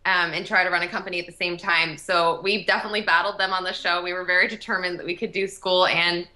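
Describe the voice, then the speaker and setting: A woman's voice: lowish voice, level tone, fast, pushed and bright. A young adult woman, a company co-founder, giving eager, upbeat answers as a guest in a casual interview.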